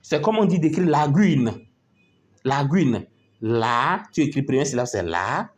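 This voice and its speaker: A man's voice: a little high, sing-song, normal speed. A male teacher giving a patient phonics lesson, spelling out letters and syllables one by one and often checking that his pupils are following.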